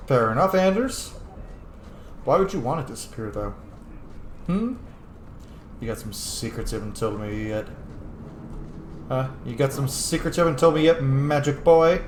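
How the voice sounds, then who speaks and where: An animated gamer talks back playfully to the characters on screen, muttering responses as he plays along in character. His mid-range voice keeps a moderate pace with frequent pauses, and the echoey room adds faint noise.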